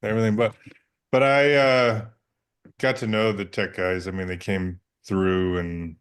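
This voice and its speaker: A man's voice: fairly low pitch, little pitch movement, unhurried. A man in his fifties, podcast co-host, chatting casually with wry self-deprecating humor. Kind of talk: casual chat.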